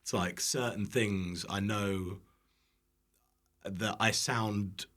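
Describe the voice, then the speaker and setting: Speaking extremely slowly, a British man with a lowish, steady, slightly bright voice chats casually as a guest on a podcast. He creates cooking content online and comes across as informal and self-deprecating, with no qualms about swearing.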